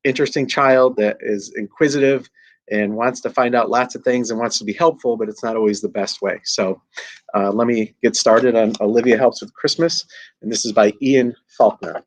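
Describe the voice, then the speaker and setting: A school superintendent reading a children's bedtime story aloud, with relaxed, chatty asides between passages. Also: male voice, medium pitch, normal speed.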